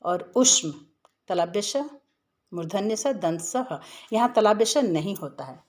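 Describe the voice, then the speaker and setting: A woman teaching a grammar lesson with a patient, step-by-step manner. Her pitch sits in the middle for a woman, and she keeps checking that her students are following along. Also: animated, measured pace. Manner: patient, explains step by step, often asks "है ना?".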